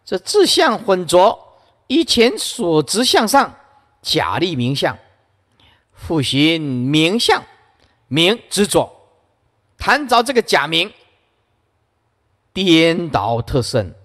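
A man's voice: a little high, big pitch swings, slow pace, pauses often, fairly bright tone. A man giving an emphatic Buddhist sutra lecture, storytelling with frequent interjections. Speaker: Buddhist dharma teacher. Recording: long hall reverb.

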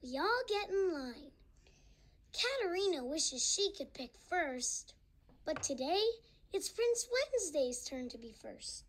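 A young performer voices a friendly, gentle little boy tiger who narrates a children's read-along storybook. The delivery is high-pitched, slow and sing-song, heavily acted, with a gentle, earnest mood.

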